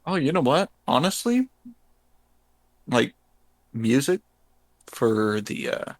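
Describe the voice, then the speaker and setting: Slow-talking young man, dry close sound. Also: medium pitch, sing-song, no echo. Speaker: podcast co-host. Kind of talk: casual chat.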